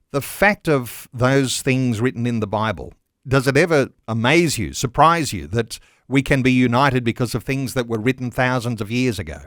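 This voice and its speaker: A man with an Australian accent hosting a radio talkback interview in deliberate, polished broadcast phrasing. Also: mid-range voice, fairly bright tone, no echo, studio quality.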